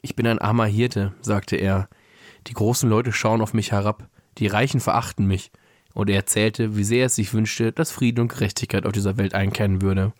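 A young man with a low voice, joking dryly and laughing often as a podcast co-host before settling into reading a story aloud. He sits close to the mic in a dry, dead space. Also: steady tone, normal speed, no room sound. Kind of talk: casual chat, then reading a story aloud.

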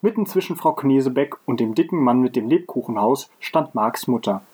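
Man, podcast co-host, storyteller, husky, calm, mid-pitched. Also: brisk. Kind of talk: reading a children's story aloud.

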